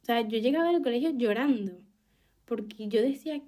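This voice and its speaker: A woman's voice: a little high, fairly quick, mellow. A young woman with a Venezuelan accent, candidly telling her own story, frank and emphatic, repeating phrases and swearing casually. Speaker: vlogger.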